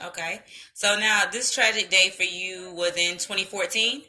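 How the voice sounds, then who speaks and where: Bright-voiced woman hosting an interview. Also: mid-range voice, fairly even intonation, normal speed. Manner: casual and direct, with southern "y'all". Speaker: interview host. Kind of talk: casual interview.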